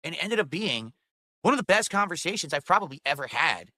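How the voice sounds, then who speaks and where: A man's voice: a little high, big pitch swings, fast, bright, forceful tone, no echo. A man in his forties talking on his stream in a rambling way, often checking in with "right?". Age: 40s. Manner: rambling, keeps asking "right?".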